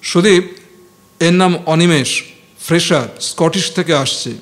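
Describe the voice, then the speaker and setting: A man's voice: on the high side, measured pace, natural voice. A man voicing a blunt young male student leader who speaks in a raised, pressing voice in an audiobook. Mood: brisk.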